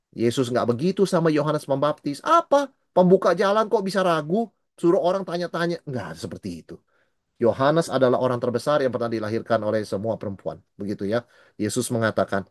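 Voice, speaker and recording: A middle-aged man teaches scripture as a pastor, with a voice at a middle pitch that swings up and down in an animated way. He slips English words into his talk and briefly acts out the people he quotes. The sound is dry, with no room echo around him. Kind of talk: Bible study teaching.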